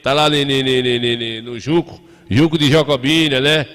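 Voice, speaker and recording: A man's voice: mid-range voice, fairly even intonation, normal speed, fairly bright tone. A middle-aged man hosting a live show in a folksy, chatty way, calling his listeners compadre. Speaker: radio host. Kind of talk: casual live chat. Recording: echoey hall.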